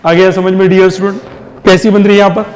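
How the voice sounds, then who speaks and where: A man's voice: high voice, little pitch movement, fast, a little mellow. A male science teacher giving a classroom physics lesson, drilling students with repeated questions and answers, mixing in English terms. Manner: mixes Hindi with English terms. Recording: long reverb in a hall.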